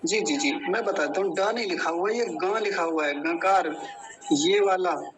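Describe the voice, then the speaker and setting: Slow, patient man drilling Sanskrit sounds. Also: high voice, a bit bright, poor audio. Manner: slow, syllable-by-syllable drilling of words. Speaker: Sanskrit recitation teacher. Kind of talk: online class teaching pronunciation.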